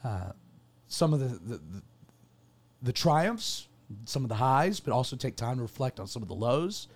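A sing-song, mid-range male voice at normal speed belongs to a pastor running a radio show. His voice keeps cracking since he's lost it, yet he stays cheerful, chatting casually and rambling with fillers into a studio microphone.

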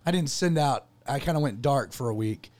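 On a studio microphone, a man hosts a radio show as a pastor, chatting casually and good-humouredly, rambling with fillers while his lost voice cracks. His voice is medium-pitched, expressive, brisk and a little mellow.

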